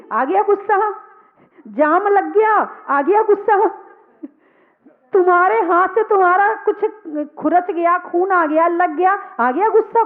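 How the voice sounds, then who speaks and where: High-pitched woman preaching over a tinny line. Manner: questions the listeners and answers herself, repeats key words. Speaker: Jain nun preacher. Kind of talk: sermon. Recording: tinny phone-like sound.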